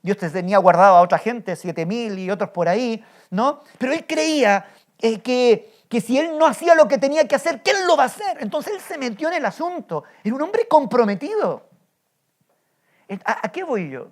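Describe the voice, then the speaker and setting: A man's voice: very high voice, sing-song, normal speed. A male pastor preaching a sermon, telling a story with energy and often asking the congregation rhetorical questions. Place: church.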